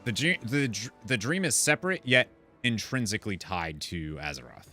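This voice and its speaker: A gaming content creator gives casual commentary, thinking out loud and reading quest text aloud over faint game music and sounds. His voice sits fairly low, with a sing-song, pushed, bright quality at a normal speed.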